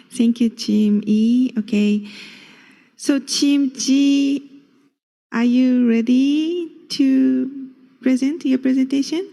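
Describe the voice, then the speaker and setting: A woman moderating an event, making calm, deliberate announcements. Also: high-pitched, vocal fry, in a large hall.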